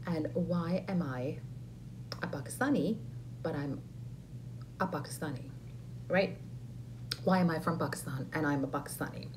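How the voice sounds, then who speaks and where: A woman teaching an English lesson, saying model phrases slowly and clearly for learners to repeat. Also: deep voice, noisy background. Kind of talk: ESL lesson with repeat-after-me drills.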